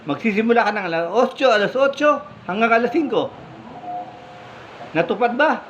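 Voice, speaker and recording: A man voicing a stern, fair-minded male vineyard owner who questions his workers firmly and deliberately. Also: extremely high pitch, animated, a bit bright. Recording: slightly muffled, faint background hum.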